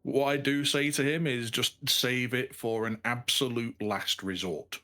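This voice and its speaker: A man's voice: mid-range voice, steady tone, a little slow, pushed and bright. A man chatting casually as a player in a tabletop game.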